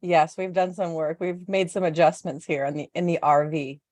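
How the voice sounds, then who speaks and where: A woman with a fairly low voice hosts a podcast in a relaxed, casual chat. She talks playfully with her guest. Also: no room sound. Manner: playful, quick to laugh. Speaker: podcast host.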